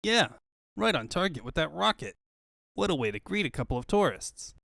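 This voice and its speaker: A man's voice: on the high side, sing-song, normal speed, vocal fry, a bit bright, dry recording, studio quality, voice pushed up, exaggerated voice. A man voicing a cocky young male hedgehog hero with quippy, breezy banter in a comic book fandub. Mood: breezy, wisecracking.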